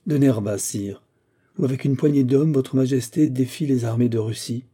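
A man reads a proud young soldier in a spoken story, short and tight-lipped. The tone is dark and husky, with a defiant edge. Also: mid-range voice, moderate pace, close to an everyday voice. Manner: curt, clenched.

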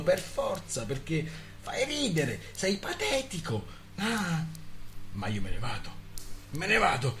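A shrill, furious wife, scolding and hurling insults at her husband, put on by a man reading a story aloud. Her voice sits far above his own as she berates him with mounting contempt. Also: a bit bright. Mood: defiant.

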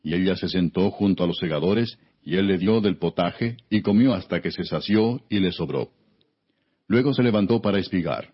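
A man narrating scripture as an audiobook in a solemn, measured reading style. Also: low-pitched, lively intonation, breathy edge. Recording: dull, muffled lo-fi recording.

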